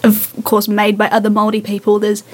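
A young woman with a New Zealand accent and a slightly husky voice. She tells stories loosely, full of fillers, in relaxed radio chat. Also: mid-range voice, fairly quick. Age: young adult. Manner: relaxed storyteller, many fillers.

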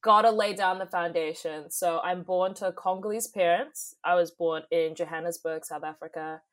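A young New Zealand woman, a youth advocate and poet, appears as a podcast guest, reflecting thoughtfully and expressively in a conversational interview. Her voice is on the low side, at a moderate pace.

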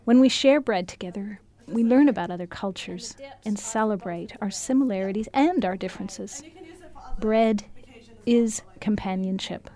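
A woman giving calm, reflective scripted narration. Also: medium pitch, normal speed.

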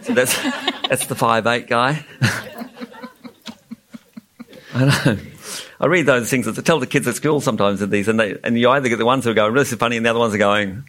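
A man's voice: medium pitch, moderate pace, long pauses, fairly bright tone. A man with a New Zealand accent, a children's author reading a book aloud at a festival panel with jokey asides, laughing at the puns and lifting his voice for the characters' lines.

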